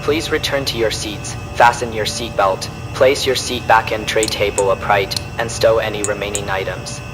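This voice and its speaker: A man's voice: lowish voice, fairly even intonation, moderate pace, music in the background, natural voice, poor audio. Man doing airline cabin announcements. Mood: formal. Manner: formal flight announcement tone, slightly stilted. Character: airline captain and crew making cabin announcements. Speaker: gamer playing a flight simulator.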